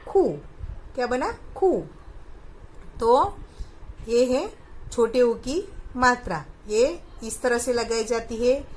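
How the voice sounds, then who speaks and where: Woman from India, school teacher, slow delivery, fairly high voice, patient, repeats answers. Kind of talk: recorded online class lesson.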